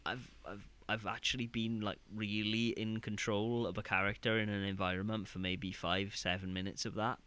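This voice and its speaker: A young man co-hosting a casual podcast, rambling and animated, slipping into mock voices to quote the game. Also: lowish voice, normal speed, hardly any pauses, clear, resonant tone. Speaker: podcast co-host.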